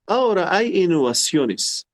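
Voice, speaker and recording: Middle-aged man teaching a class, slightly high voice, patient and repetitive. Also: sing-song. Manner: explains slowly and repeats phrases, quotes Arabic formulas. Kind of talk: online class lecture.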